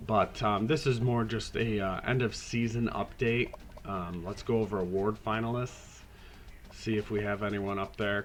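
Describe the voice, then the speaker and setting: A podcast host with a lowish, raspy voice, hoarse as he gets over a cold, talks casually through a video game season. He's laid-back and rambling, dropping the odd swear.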